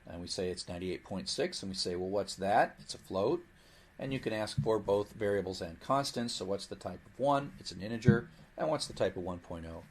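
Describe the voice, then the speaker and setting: A man's voice: lowish voice, expressive, fairly quick, breathy edge. A man teaching programming in a recorded lecture, explaining patiently and voicing the computer in playful asides. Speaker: programming instructor.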